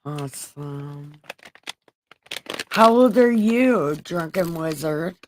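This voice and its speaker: A woman in her forties hosting a casual livestream, loud and joking as she teases her friends. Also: low voice, expressive, slow, background noise. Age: 40s. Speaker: livestream host.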